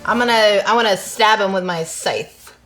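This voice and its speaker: A woman's voice: medium pitch, normal speed, over loud music. A woman at a tabletop game, bantering casually with the other players.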